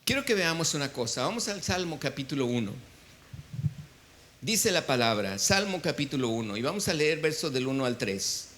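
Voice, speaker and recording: A man's voice: a little high, very animated, moderate pace, fairly bright tone, a little hiss or hum. A man with a Mexican accent preaching a sermon in a church as pastor, stopping often to quiz the congregation and have them call back the answers. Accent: Mexican Spanish. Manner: quizzes the congregation, call-and-response.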